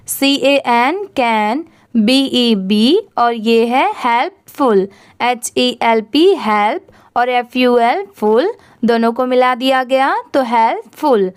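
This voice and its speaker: Slow, clear-voiced Indian woman teaching. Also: high-pitched. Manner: spells words letter by letter, then asks and answers how to pronounce them. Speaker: English reading teacher. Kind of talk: slow spelling-out reading lesson.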